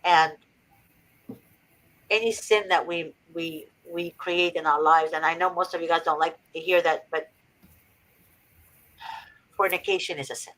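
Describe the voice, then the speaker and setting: A woman's voice: on the low side, steady tone, unhurried, long pauses, fairly bright tone, rough recording. A woman from Egypt hosting a faith-based advice talk, earnest and preachy with emphatic repetition. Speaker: host.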